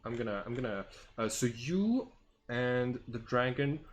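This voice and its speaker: A man working as game master, improvising the narration of a tabletop fantasy game and often searching for words in a halting way. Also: medium pitch, expressive.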